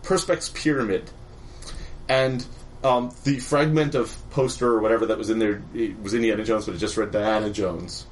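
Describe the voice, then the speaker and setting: A man's voice: lowish voice, fairly even intonation, normal speed, slight background noise. A man hosting a podcast in casual chat, using a put-on radio announcer voice. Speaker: podcast host.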